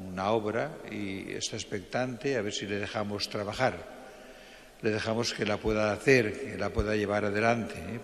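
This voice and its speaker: A man with a Spanish accent from Spain preaches an informal homily as a priest, conversational, repeating phrases and adding questioning tags, with cathedral echo. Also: fairly low pitch. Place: church, indoors. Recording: reverberant church, long echo.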